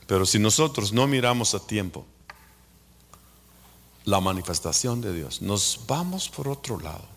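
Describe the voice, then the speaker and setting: A Guatemalan man with a Guatemalan Spanish accent delivers a sermon in a lowish, gravelly voice with a rough, fry-laden edge, animated throughout. He speaks slowly and deliberately, moving between hushed whispers and fervent shouts. A large hall gives the sound a long echo, with slight background noise.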